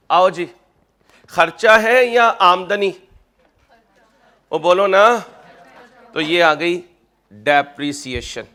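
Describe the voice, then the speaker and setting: A man's voice: on the high side, sharp tone. A man lecturing on accounting, mixing jokey personal stories with worked examples and calling his students "kids". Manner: chatty, joking, addresses students as kids. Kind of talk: classroom lecture with personal anecdotes.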